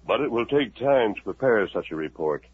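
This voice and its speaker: A man as the Lone Ranger, deep and steady. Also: a little hiss or hum, natural voice. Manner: steady, persuasive, deliberate. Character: The Lone Ranger, calm resolute masked male hero. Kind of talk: 1950s radio drama. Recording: tinny narrow old radio recording.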